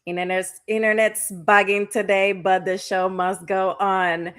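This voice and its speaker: A woman's voice: medium pitch, little pitch movement, unhurried, a bit bright, clean tone. Upbeat woman hosting an online show. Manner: upbeat, effusive. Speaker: host and company founder. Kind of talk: casual online interview.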